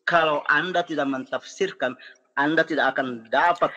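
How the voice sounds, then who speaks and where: A man's voice: fairly high pitch, normal speed, sharp tone, in a large hall, dull audio. A man, a preacher, defending his view in a heated debate and asking for a chance to explain. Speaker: Islamic preacher.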